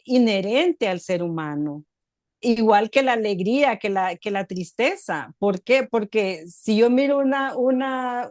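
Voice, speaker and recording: A woman's voice: on the high side, a little mellow, dry recording, studio quality. A middle-aged woman hosting a reflective talk, explaining ideas step by step and asking and answering her own questions. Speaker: host. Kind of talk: reflective talk on emotional growth.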